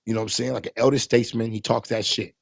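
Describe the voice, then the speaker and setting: A man casually recapping and reviewing a wrestling show, animated, swearing freely and acting out quotes. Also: mid-range voice, rapid-fire, gravelly, no echo, clean studio sound.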